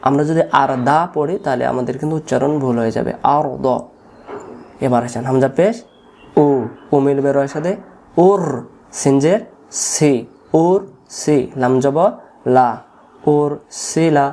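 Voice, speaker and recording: A man with a Bangladeshi Bengali accent teaching Quran recitation, slowly repeating each letter sound for learners to copy. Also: medium pitch, warm tone. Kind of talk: tajweed lesson.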